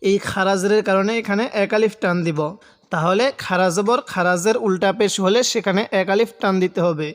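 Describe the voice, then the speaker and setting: Teaching Quran reading in a large hall, a man with a high, steady voice spells out syllables and stretches them slowly during recitation. He explains each step patiently.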